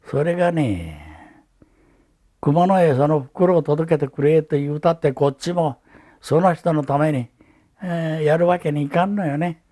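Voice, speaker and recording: An elderly man with a Hiroshima accent gives oral testimony as a survivor, telling his memories in a halting, reflective way. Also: fairly high pitch, warm tone. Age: elderly, 80s or older. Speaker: atomic bomb survivor giving testimony. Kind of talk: recorded oral testimony, reminiscing.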